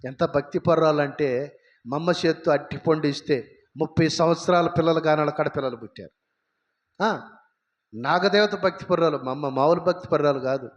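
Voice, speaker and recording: A man's voice: fairly high pitch, fairly quick, dull audio. A man preaching a sermon with personal testimony, emphatic and firing rhetorical questions at the congregation. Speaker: pastor. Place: church.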